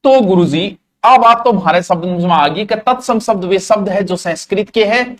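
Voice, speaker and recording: A man's voice: high-pitched, normal speed, fairly bright tone. A man with a Marwari accent teaching a grammar class, mixing in local words and asking questions that he then answers himself. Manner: mixes Marwari words into Hindi, asks questions and answers them.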